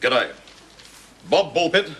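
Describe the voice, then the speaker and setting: An actor playing a brash, flirty middle-aged male car dealer with an Australian accent, loud and boastful. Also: on the high side, big pitch swings, slow pace, heavily acted. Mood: salesy. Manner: loud, boastful, leering showman. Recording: noisy TV sitcom audio, audience laughter.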